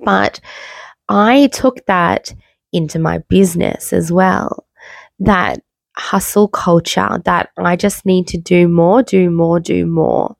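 Female podcast host, unwell and low on energy, informal and candid, lowish pitch with fry, dry close room. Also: takes it slowly, dry recording. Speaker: podcast host, wellbeing coach. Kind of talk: personal podcast monologue. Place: bedroom, sitting on bed. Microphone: makeshift mic, not usual podcast microphone.

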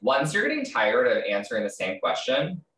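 A man's voice: mid-range voice, huge pitch swings, normal speed, fairly bright tone. A man hosting a podcast interview, chatting casually with lots of fillers and restarts. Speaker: podcast host. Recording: roomy sound, distant from mic.

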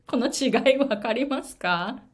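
A woman's voice: high-pitched, unhurried. A middle-aged woman from Japan, coaching English pronunciation in a casual video lesson and telling stories animatedly. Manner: animated storyteller, switches between Japanese and English.

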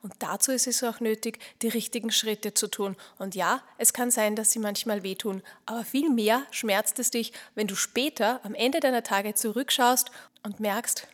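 A woman's voice: on the high side, normal speed. Earnest woman, motivational host. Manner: earnest, speaks straight to the listener, often drops to a soft near-whisper. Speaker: podcast host. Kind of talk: motivational podcast monologue.

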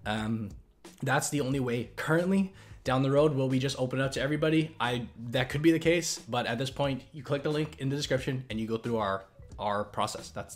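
A Canadian man hosts an investing channel and runs a casual Q&A chat, speaking in a relaxed, rambling way with many fillers and restarts. His voice is medium-pitched.

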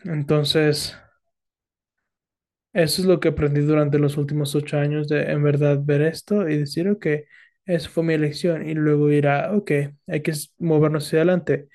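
A man speaking as a podcast guest in a relaxed, reflective, casual conversation, with fillers and restarts. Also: fairly high pitch, measured pace, pauses often.

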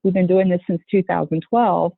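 A woman's voice: on the low side, fairly even intonation, moderate pace, vocal fry, no room sound. A woman being interviewed about her work with children, talking earnestly, restarting her sentences and acting out voices when she quotes people. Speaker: guest running a youth horse program. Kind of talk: conversational interview. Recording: tinny phone-line sound.

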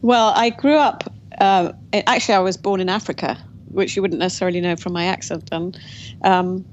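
An English woman with a fairly low voice and fairly even intonation speaks at a moderate pace. She's a guest author in an interview, reflecting on her family story with frequent restarts. The audio is dull and lo-fi with faint noise.

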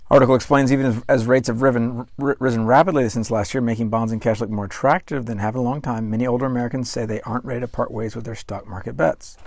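A man's voice: mid-range voice, fairly even intonation, fast, creaky, hardly any pauses, darkish tone, no echo. A man hosting a finance podcast in a conversational manner, reading out news articles and speaking straight to the listener. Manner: conversational, reads quotes aloud and talks straight to the listener. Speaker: finance show host.

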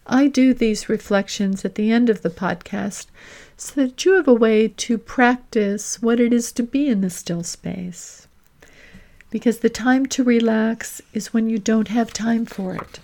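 A woman with a slightly high voice guides a reflection like a podcast host, gentle and deliberate, leaving long pauses for thought.

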